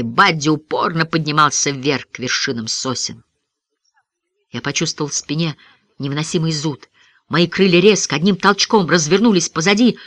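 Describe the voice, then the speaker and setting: A man narrating a first-person story as an audiobook reader, expressive and vivid. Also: fairly high pitch, no room sound.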